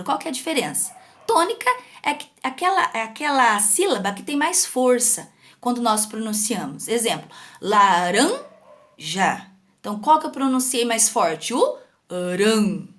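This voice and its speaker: A young Brazilian schoolteacher gives an online grammar lesson to children, speaking in a patient, sing-song way and often checking in with her pupils. Her voice is a little high and fairly bright. She has a Brazilian Portuguese accent.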